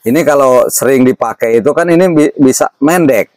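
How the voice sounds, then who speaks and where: Appearing as an interview guest, a man shares traditional herbal remedies in a casual way, repeating himself and often checking in with short tags. His medium-pitched voice is brisk and a little mellow, with no echo.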